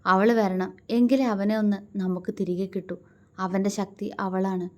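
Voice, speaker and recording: A woman voicing a gentle young man in a storybook who comforts others with a voice that keeps breaking. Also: mid-range voice, fairly even intonation, moderate pace, close to an everyday voice. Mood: grieving, comforting. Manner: soft, voice breaking.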